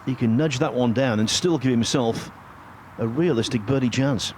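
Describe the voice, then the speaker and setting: A man giving golf commentary in formal, measured broadcast phrasing. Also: mid-range voice, a little mellow, slight background noise. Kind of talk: scripted-sounding golf commentary.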